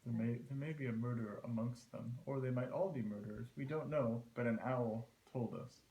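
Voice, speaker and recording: A man's voice: medium pitch, fairly even intonation, brisk, dark tone, reverberant, low-quality recording. A man chatting and bantering casually as a player in a tabletop game. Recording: clear background noise.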